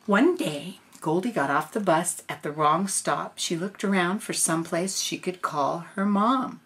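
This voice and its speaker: An older woman reading a storybook aloud in a gentle grandmotherly way, adding casual asides. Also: lowish voice, a little slow.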